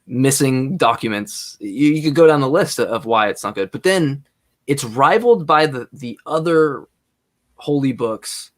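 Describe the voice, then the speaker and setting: A man co-hosting a casual podcast, reasoning out loud with hesitant restarts. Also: mid-range voice, animated, a little slow. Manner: thinks aloud, hesitant, many restarts and fillers. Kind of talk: casual debate podcast chat.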